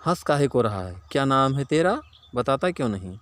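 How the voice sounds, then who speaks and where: A man's voice: medium pitch, big pitch swings, normal speed, a bit bright. A man voicing a lazy, gluttonous fat village man who scolds and grumbles at everyone. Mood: grumbling, bossy.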